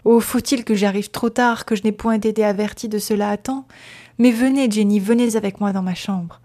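A haggard, vehement young woman from a period novel read aloud, voiced by a woman narrator. She speaks with urgent, impassioned insistence, her mellow voice pressing every word. The tone stays low and warm rather than shrill. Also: fairly even intonation, normal speed, lightly acted.

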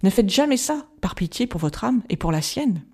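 A woman's voice: lowish voice, animated, normal speed, darkish tone, slightly rough. A woman reading the lines of a grave elderly male professor in an audiobook, stern and urgent.

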